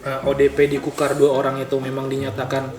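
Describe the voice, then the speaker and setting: A man's voice: mid-range voice, completely flat delivery, fast. A man, chatting casually as a podcast host while eating, his mouth sometimes full. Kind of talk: casual chat over food. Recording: echoey room with music behind.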